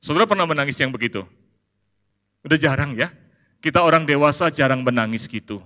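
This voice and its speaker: A man preaches in a fairly high, bright, ringing voice. He is playful and animated, climbing to loud emphatic peaks and dropping into soft asides. The sound carries a long reverb from a large church hall. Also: brisk. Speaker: pastor. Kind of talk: sermon.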